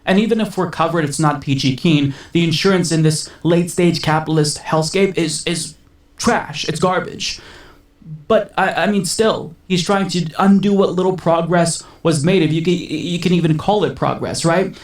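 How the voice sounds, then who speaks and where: A man's voice: fairly high pitch, normal speed, recorded from a distance. A man co-hosting a political chat show, talking in long, sarcastic, indignant runs. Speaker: podcast co-host. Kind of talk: casual political commentary. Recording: echoey room, away from the mic.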